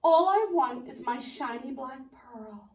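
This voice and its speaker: A woman's voice: sits high, lively intonation, unhurried, darkish tone. A woman doing a hurt, firm girl caterpillar. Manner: wounded, firm. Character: hurt young female caterpillar, proud. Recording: roomy, from a distance.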